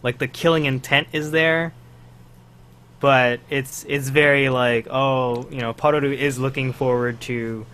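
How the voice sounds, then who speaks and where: A man's voice: mid-range voice, unhurried. A man co-hosting a casual podcast, rambling through stories and acting out quotes as he goes. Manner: rambling, animated retelling with acted-out quotes. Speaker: podcast co-host. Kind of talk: casual chat.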